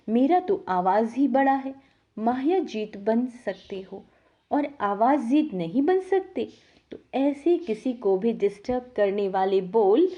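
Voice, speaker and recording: A woman giving a devotional sermon on the daily lesson, lively, asking her listeners questions and answering them herself. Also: medium pitch, highs cut off. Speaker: spiritual teacher explaining the daily lesson. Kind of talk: devotional sermon, explaining a scripture reading.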